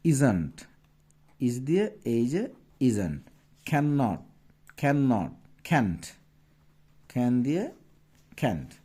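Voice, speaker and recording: A man's voice: mid-range voice, dark tone. A man teaching a primary school English lesson, patiently asking his pupils questions and repeating each answer. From Bangladesh.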